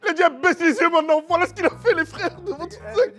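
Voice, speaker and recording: A man who is a regular host of the show, chatting with friends in an excitable, exclamatory way and repeating phrases for emphasis. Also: extremely high pitch, rapid-fire. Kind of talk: casual group chat.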